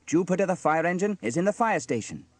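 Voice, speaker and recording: A man's voice: sits high, sing-song, fast, no room sound, voice pushed up. A man voicing a cheerful, kindly inventive fireman uncle with a hearty manner in a children's story. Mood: jovial. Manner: hearty, exclaiming.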